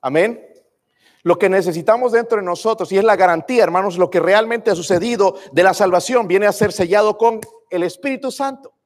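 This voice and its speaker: A man's voice: high voice, brisk. A male preacher giving a fervent sermon, calling out to the congregation and asking them to say amen. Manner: fervent, calls out to the congregation with "hermanos" and "amén". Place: church sanctuary. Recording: long reverb of a church hall.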